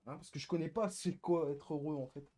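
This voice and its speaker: A young man rants on his live stream, bitter and worn out, cursing and circling back to the same complaints. His voice sits slightly high for a man, jumping between loud bursts and low grumbling. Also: a little fast, faint music behind. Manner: bitter, frustrated, swings between loud outbursts and low muttering; curses often, repeats himself. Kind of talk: casual live-stream rant.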